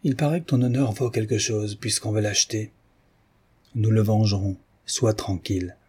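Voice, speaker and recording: A man's voice: on the low side, steady tone, moderate pace, darkish tone, breathy edge. A man doing an outraged old Russian father. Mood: grim, tender. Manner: cries out in bursts of anger.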